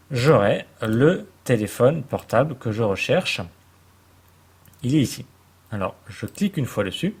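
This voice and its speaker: A man gives a patient, step-by-step software lesson, pausing now and then to find his words. His voice is slightly husky and sits at an ordinary pitch. He sounds like a tutor narrating over his own screen. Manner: calm step-by-step explaining with hesitations. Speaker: computer tutor.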